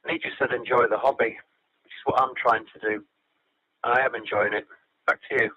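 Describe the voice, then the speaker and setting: A man's voice: mid-range voice, fairly even intonation, a little fast, pushed and bright, breathy edge, no room sound. Man chatting over thin amateur radio. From England. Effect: two-way radio. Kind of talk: casual radio exchange. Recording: narrow-band amateur radio transmission.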